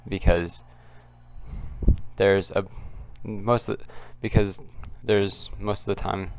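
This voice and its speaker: A man speaks in a quiet, low voice with a gravelly creak. He delivers casual, off-the-cuff commentary as a video host, often halting and circling back to repeat himself. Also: steady tone, slight background noise, poor audio. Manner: kept quiet, subdued because others are nearby. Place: at home, others nearby.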